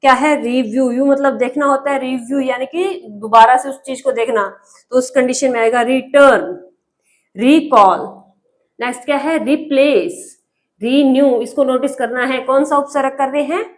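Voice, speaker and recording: A woman's voice: sits high, normal speed. A woman teaching an English lesson in Hindi, drilling pupils with repeated questions and spelling words out letter by letter.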